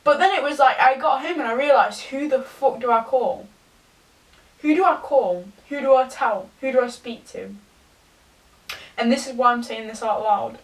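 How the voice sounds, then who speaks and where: A young woman, tipsy, giving a rambling, halting confessional rant to a camera some distance away. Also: high-pitched. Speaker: vlogger. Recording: distant from the mic.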